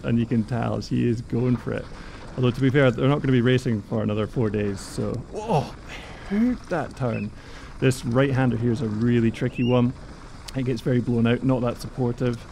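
A man's voice: medium pitch, creaky, mellow, a little hiss or hum. A man presenting a bike race course, giving upbeat, chatty voice-over commentary and laughing between remarks.

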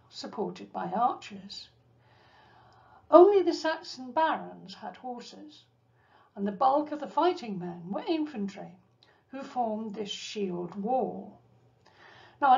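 A woman giving a history lecture, telling the story in a measured way with asides to her listeners. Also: fairly high pitch, gravelly, darkish tone, lo-fi sound. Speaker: cruise ship enrichment lecturer. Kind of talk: history lecture over slides.

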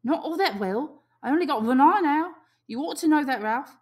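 A woman voicing an anxious, stubborn boy in an audiobook, shrill, excited and insistent. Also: normal speed. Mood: insistent, defensive. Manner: excited, insistent, ungrammatical schoolboy talk.

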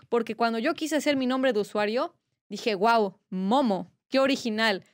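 A woman's voice: medium pitch, clean tone, dry recording, studio quality. A young woman, streaming a game and chatting casually, reading viewers' messages aloud in a playful, teasing way. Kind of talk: casual livestream chat while gaming.

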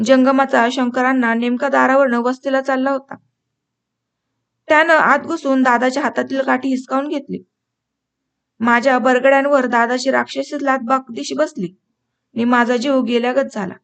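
A woman narrating a novel as an audiobook, in a steady storytelling manner. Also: sits high, normal speed, gravelly.

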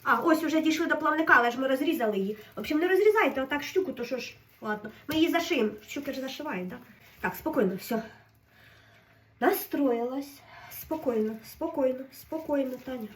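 Woman, high voice, nervous self-soothing kitchen commentary, set back from the phone mic, faint hiss behind. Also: fast talker, far from the mic. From Ukraine. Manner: fretful, keeps telling herself to stay calm. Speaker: home cook vlogger. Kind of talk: casual running commentary while cooking.

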